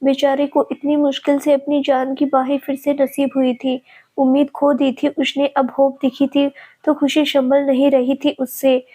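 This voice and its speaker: Woman reading a love story out loud, high voice, pretty flat, soft mellow tone. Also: normal speed. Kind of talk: scripted story narration.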